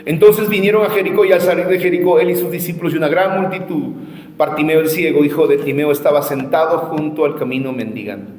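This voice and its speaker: A man preaching at an evangelism seminar, passionate, swinging from shouted challenges to quiet storytelling. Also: fairly high pitch, quick pace. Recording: echoey hall with faint music.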